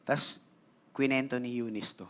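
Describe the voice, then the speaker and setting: Bright-voiced Filipino pastor telling a story. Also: male voice, medium pitch, a little slow. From Philippines. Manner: animated, conversational, switching between Tagalog and English; clears his throat often. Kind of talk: storytelling sermon to a congregation.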